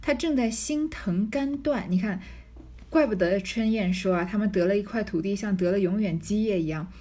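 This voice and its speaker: Relaxed woman explaining a classic novel. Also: medium pitch, normal speed. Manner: relaxed, conversational explaining with fillers. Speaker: narrator and commentator. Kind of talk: storytelling commentary on a classic novel.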